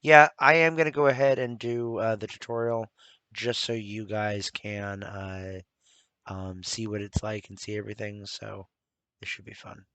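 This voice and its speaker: Casual man with a bright, close voice. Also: on the low side, fairly even intonation, moderate pace, smooth, no room sound. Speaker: host of a game playthrough. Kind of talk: casual gameplay commentary.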